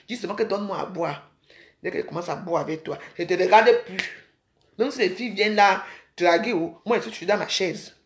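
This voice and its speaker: A woman's voice: mid-range voice, a little fast. Chatty woman in an echoey room. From Cameroon. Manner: chatty, addresses viewers as sisters. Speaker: vlogger. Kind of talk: casual rambling monologue.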